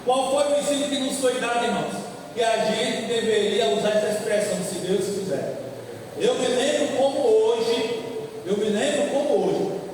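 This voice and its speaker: A man in his fifties from Brazil, a pastor preaching a sermon slowly and repeating his points. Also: high-pitched, a little mellow, a little hiss or hum. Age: 50s. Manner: slow, repetitive preaching with scripture reading. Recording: echoey hall from far off.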